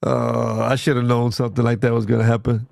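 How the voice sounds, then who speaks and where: A man's voice: mid-range voice, little pitch movement, fairly quick, gravelly, darkish tone, no room sound, clean studio sound. A man co-hosting a casual chat show, teasing and joking in a laid-back way. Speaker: co-host.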